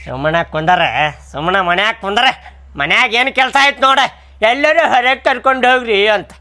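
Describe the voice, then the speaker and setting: A woman's voice: fairly high pitch, brisk, noisy background, close to an everyday voice. A woman with a North Karnataka Kannada accent playing a grumbling, dismissive husband in a comic sketch. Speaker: comedy sketch actor.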